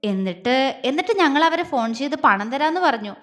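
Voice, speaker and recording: A woman voicing a tender young man who speaks softly and affectionately while confessing his love in an audio story. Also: high-pitched, lively intonation, a little fast. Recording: long reverb.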